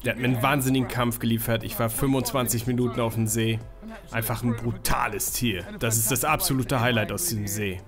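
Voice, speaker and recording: A man's voice: medium pitch, steady tone, brisk. Enthusiastic male fishing vlogger over music. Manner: enthusiastic, exclaiming over big fish. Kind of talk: travel and fishing vlog narration. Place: outdoors by a lake.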